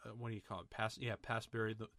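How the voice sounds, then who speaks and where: A man chats through a movie on his podcast in an excitable, rambling, profane way. His voice is bright and forceful, and the recording is dry and close with no room sound. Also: fairly low pitch, quick pace, no echo. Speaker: podcast co-host. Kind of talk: casual movie commentary chat.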